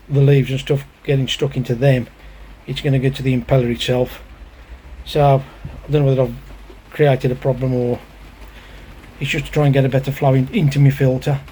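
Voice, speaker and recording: Speaking fairly quickly in a mellow, medium-pitched voice with little pitch movement, a man who keeps koi narrates a casual vlog about his pond pump. His chatty, exasperated rambling is filmed on a phone outdoors in heavy rain, with faint rain and outdoor ambience in the background.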